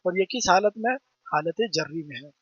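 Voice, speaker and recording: High-voiced man teaching Arabic grammar. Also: a little fast, a bit bright, husky, dry recording, highs cut off. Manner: repeats terms, asks and answers own questions. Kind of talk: explaining grammar lesson.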